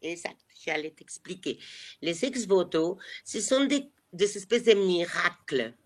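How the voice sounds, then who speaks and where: A woman's voice: fairly low pitch, expressive, unhurried. A woman with a Mexican Spanish accent, whose first language is Spanish, leads a live virtual tour. She talks in a chatty, meandering way, full of fillers and restarts, over a video call. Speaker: tour guide.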